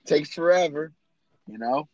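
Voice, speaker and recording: A man whose voice is on the high side chats at a measured pace with a friend, co-hosting a podcast over a remote call mic. The sound is lo-fi with crowd noise, and he jokes, boasts and swears freely in this casual talk between friends.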